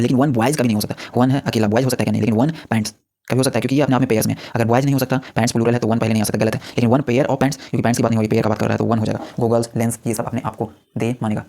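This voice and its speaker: A young man teaching English grammar, explaining rapidly and mixing Hindi with English example sentences. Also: medium pitch, mellow. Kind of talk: classroom grammar lesson.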